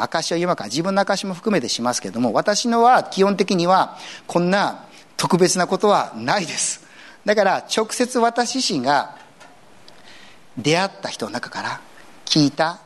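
A man delivers a sermon with the warmth of casual conversation, slipping in everyday asides. His voice sits a little high and swings widely in pitch as he presses his points home. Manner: earnest, conversational preaching with lively swings in pitch. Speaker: pastor.

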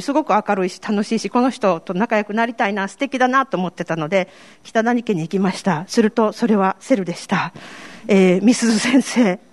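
Candid Kansai woman giving church testimony. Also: medium pitch. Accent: Kansai Japanese. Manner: candid, self-deprecating storytelling. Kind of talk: personal faith testimony to a congregation.

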